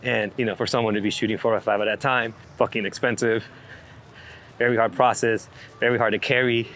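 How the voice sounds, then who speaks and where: A man with a lowish voice talks a little fast, with fairly even intonation, a fairly bright tone and a little hiss or hum. Interviewed as a street photographer, he chats casually and rambles in a laid-back way, swearing freely about his creative work.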